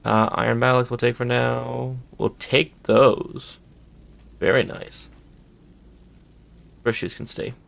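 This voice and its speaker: A man's voice: medium pitch, level tone, takes it slowly, vocal fry, pauses often, a bit bright. A man giving casual gameplay commentary, muttering and thinking aloud as he loots. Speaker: gameplay streamer.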